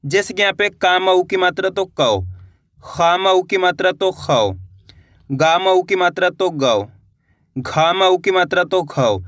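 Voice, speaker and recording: A teacher giving a slow reading lesson, spelling words out syllable by syllable and then blending them, reassuring viewers as friends. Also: medium pitch, fairly bright tone, no echo, clean studio sound.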